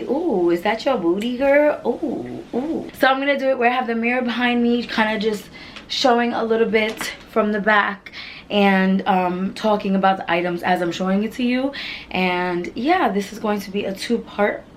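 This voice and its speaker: In her bedroom with a vanity and mirror, a fashion vlogger in her twenties chats calmly and quietly through a casual try-on haul, laughing now and then. Her naturally deep voice is hoarse from illness, and a little hiss or hum can be heard.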